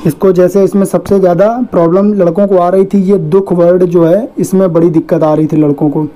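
In a low-quality recording, a woman with a lowish, mellow voice and fairly even intonation teaches a Hindi shorthand lesson at a brisk pace. Explaining a lesson on screen, she goes through words one by one, checking each point with the class and saying "theek hai" after each, patient and methodical.

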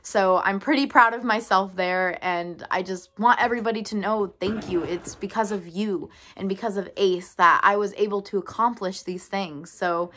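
A woman's voice: medium pitch, normal speed, hardly any pauses, fairly bright tone, a little hiss or hum. A young woman, a service dog trainer, chatting to her followers in a bubbly, giggly way. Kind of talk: casual vlog chat to followers.

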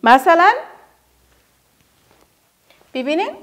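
A primary school teacher with an Afghan Dari accent and a very high, very animated voice leads a first-grade reading lesson. She stretches words out slowly and emphatically for the children to repeat, praises them often, and asks quick questions that she answers herself.

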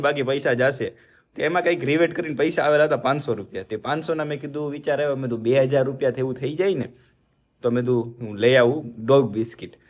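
A young man hosting a family vlog, rattling along at a brisk clip in a mid-range voice. He chats casually and playfully, teasing and talking straight to his viewers. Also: medium pitch.

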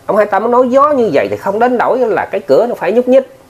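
Lively Southern Vietnamese storyteller man. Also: sits high, fast talker, breathy edge, highs cut off. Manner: chatty, addresses listeners often, many filler words. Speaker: ghost story narrator, channel host. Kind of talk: casual spoken storytelling.

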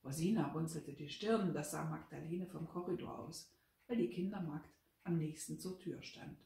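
A woman author reading from her novel with an expressive, lively delivery. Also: sits low, normal speed, gravelly. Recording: roomy, from a distance.

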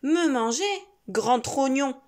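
A woman's voice: high-pitched, takes it slowly, darkish tone. A woman voicing bold, cheeky rabbits who call out and tease, in a storybook reading to a toddler. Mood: cheeky, taunting. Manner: teasing, calling out. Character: cheeky, bold rabbit family taunting a wolf.

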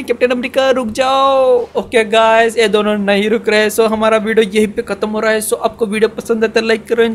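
A man giving excitable, chatty gameplay commentary as a channel host, often dropping in English fillers. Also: very high voice, slight background noise.

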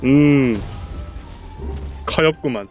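A male streamer commentating his own live game stream, excitable and profane, laughing often. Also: mid-range voice, very slow, soft background music.

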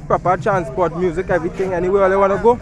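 A man's voice: high voice, level tone, fast. A young man with a Trinidadian accent, vlogging in casual hype talk from a parking lot, filming himself at arm's length. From Trinidad and Tobago. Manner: hyped, repeats calls to like and subscribe. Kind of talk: casual vlog chat. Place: outdoor parking lot by a bus. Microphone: handheld camera held at arm's length. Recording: outdoors with loud music and crowd.

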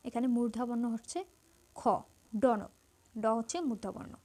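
A woman's voice: on the high side, little pitch movement, normal speed, dark tone. A woman teacher with a Bangladeshi Bengali accent, steadily reading out numbered quiz questions and explaining each answer. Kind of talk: exam-prep lesson, reading quiz answers.

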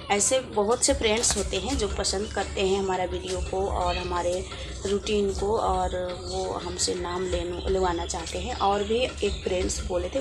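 A young woman chatting to the camera in a homely, direct way from a small village room, filmed close on a phone. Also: medium pitch. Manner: chatty, plain and homely, addresses viewers directly. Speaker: village family vlogger. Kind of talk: casual chat to camera. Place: small indoor village room with painted walls. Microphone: phone held close, selfie framing.

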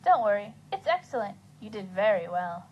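A woman voicing a kind mother who praises her son in a textbook listening dialogue, delivered in a clear, carefully paced scripted style. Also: medium pitch, sing-song, normal speed, highs cut off, a little hiss or hum, close to an everyday voice. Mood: encouraging.

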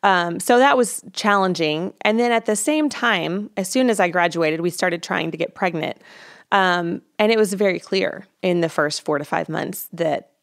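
A woman's voice: lowish voice, normal speed, gravelly. A woman in her thirties, a counselor, talking candidly and reflectively as an interview guest, with frequent ums. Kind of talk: conversational interview.

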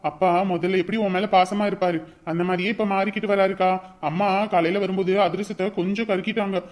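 A man's voice: high voice, steady tone, quick pace, close to an everyday voice. A young man acting an earnest, dutiful son and brother in a family drama. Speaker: actor.

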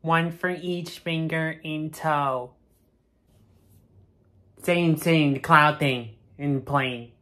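A man voicing a boastful, nerdy young cartoon raccoon who shows off with drawn-out words. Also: on the high side, steady tone, fairly bright tone.

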